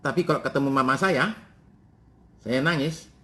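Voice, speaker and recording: A male pastor, preaching a sermon in a church and telling family stories with lively swings in pitch. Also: moderate pace.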